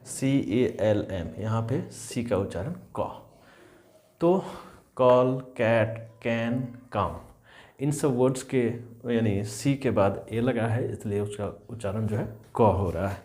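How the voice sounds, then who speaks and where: A man's voice: lowish voice, takes it slowly, a little mellow. A male English teacher walks students through spelling rules. He spells words out letter by letter, then says them whole, and repeats every rule several times. He keeps checking in with his young learners. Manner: addresses students as children, checks in with "is that clear". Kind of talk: spelling and pronunciation lesson.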